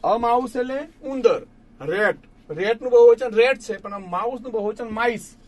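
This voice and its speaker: Brief: male teacher, high voice, patient and repetitive, chats warmly with students as friends. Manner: patient, repeats each word slowly for students; addresses listeners as friends. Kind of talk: classroom lesson explaining English grammar.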